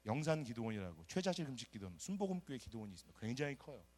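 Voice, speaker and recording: A middle-aged man from South Korea, a pastor preaching a sermon and telling his own story, animated and acting out the people he quotes. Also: mid-range voice, racing. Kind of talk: sermon with personal testimony.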